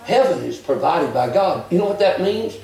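A man preaching an animated sermon as a visiting preacher, shouting and chuckling as he goes. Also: sits high, normal speed, gravelly. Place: church. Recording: echoey church recorded from far off.

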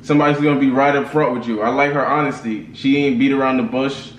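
A man's voice: mid-range voice, fairly even intonation, fast. A young man giving casual commentary while reacting to a video. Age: young adult. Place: echoey room indoors. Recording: roomy sound, loud background noise.

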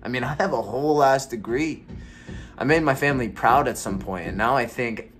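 A man's voice: sits low, moderate pace, slight background noise, lightly acted. A young man playing a gloomy, stressed struggling actor in a naturalistic, hesitant dramatic monologue. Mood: frustrated, despairing. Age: young adult. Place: small room indoors at home.

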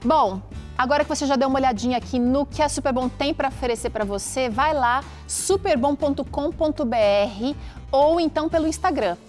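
A Brazilian woman in her thirties presents a TV cooking show from a kitchen studio, addressing viewers casually in a chatty, enthusiastic, promotional style. Her voice sits high with a darkish tone and moves fairly quickly. Faint music plays behind her.

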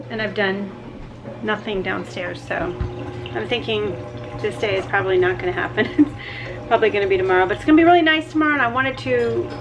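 A woman's voice: a little high, rough recording. Chatty woman vlogging from her kitchen. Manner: chatty, laughs often, rambling asides. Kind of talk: casual home vlog chat. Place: home kitchen. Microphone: camera on the counter, sometimes handheld.

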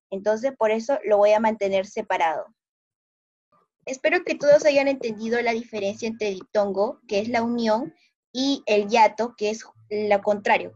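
This online grammar lesson for primary pupils comes from a patient woman teacher with a Peruvian Spanish accent who keeps checking they understand. Her voice is a little high with a darkish tone, heard through dull lo-fi sound.

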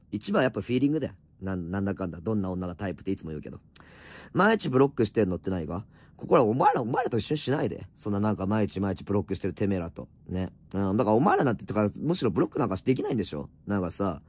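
Wrapped in an electric blanket at home, a middle-aged man hosts a late-night livestream, reading viewer comments and answering them bluntly with teasing, rough asides. His slightly hoarse voice is fairly low, sing-song and darkish, and he talks at a racing pace.

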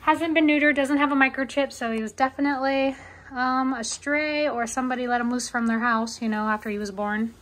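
A woman's voice: high-pitched, brisk, fairly bright tone, a little hiss or hum. A woman in her thirties chatting casually as a family vlogger, with a slight lisp from wearing a retainer. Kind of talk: casual vlog chat. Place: parked car, rooms at home. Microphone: phone at arm's length.

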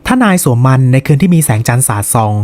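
A man voicing a scolding male masked demon shopkeeper, slow and mocking. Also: medium pitch, very animated, darkish tone, no room sound, lightly acted. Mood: bossy.

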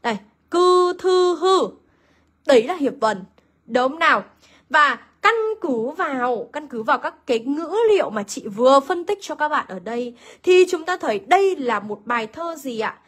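A woman's voice: high voice, expressive, moderate pace, fairly bright tone. A woman teaching an online literature lesson, asking her students questions, answering them herself and repeating key points. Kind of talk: online lesson explaining a poem.

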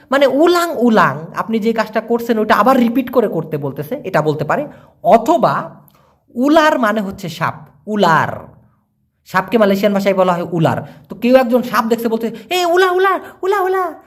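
A man teaching language, answering viewer questions and slowly repeating words for learners. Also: high-pitched.

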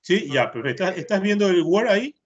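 A patient male English teacher with an Ecuadorian Spanish accent leads an online class for children, drilling pronunciation by saying words over and over. His animated, fast voice is a little husky and fairly high for a man. It arrives muffled and lo-fi through a computer mic on a video call.

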